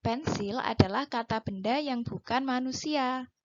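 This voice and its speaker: A woman teacher giving a patient, clearly spoken lesson to young schoolchildren, stretching her words and lifting her questions. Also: high voice, highs cut off. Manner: patient, drawn-out delivery with rising question intonation. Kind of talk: slow, clear classroom lesson for children.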